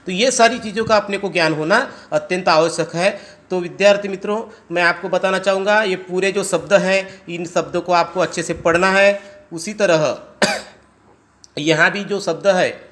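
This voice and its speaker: A man teaching a grammar lesson to students, spelling words out sound by sound and asking them quick check questions. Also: sits high, steady tone, fairly bright tone. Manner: explains step by step, asks students rhetorical check questions. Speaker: Hindi teacher. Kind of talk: classroom lesson.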